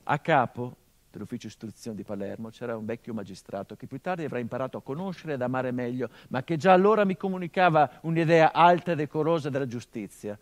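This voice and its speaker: This male actor, middle-aged with a mid-range voice, talks fast and acts lightly while playing the grieving son of a murdered journalist. It's a theatrical monologue broadcast on radio, bitter and brooding, moving between hushed and impassioned delivery.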